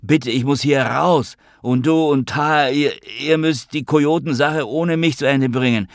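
A man's voice: fairly low pitch, unhurried, no echo, clean studio sound, pitched above the performer's own voice, close to an everyday voice. Man voicing a falling-apart movie star, pleading. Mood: despairing plea. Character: desperate unraveling male film star.

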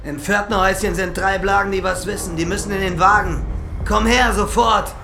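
A crude, threatening young gang boss in a radio crime play. He swears constantly and speaks in a high voice. Music plays beneath the scene. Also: fairly even intonation, fairly quick, gravelly. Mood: menacing. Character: brutal young neo-Nazi gang leader, threatening.

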